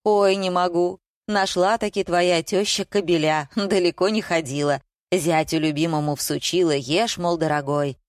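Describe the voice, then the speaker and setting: A woman's voice: fairly low pitch, fairly even intonation, normal speed, no room sound, studio quality, natural voice. A woman reading an audiobook voices a cheerful male police partner who teases and laughs at his colleague. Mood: teasing. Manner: teasing, giggly.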